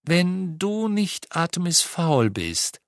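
A man's voice: high-pitched, very animated, takes it slowly, dry recording, clean studio sound, pitched above the performer's own voice, exaggerated voice. A man voicing a blunt, practical young female elf officer who talks in a direct, slightly wary way.

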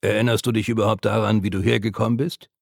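Ein Mann spricht einen sanften, gesprächigen Pfleger. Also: male voice, on the low side, flat delivery, fast, gravelly, dry recording, clean studio sound. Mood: soothing. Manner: soothing, patient, overly talkative. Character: gentle, chatty man caring for a patient.

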